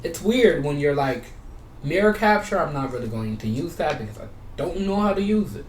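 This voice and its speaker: Speaking at a moderate pace in a slightly high voice, a man chats casually as a gaming YouTuber, rambling, repeating his phrases, and reading out game text at times. The mic sits far away in a roomy space, with steady background noise.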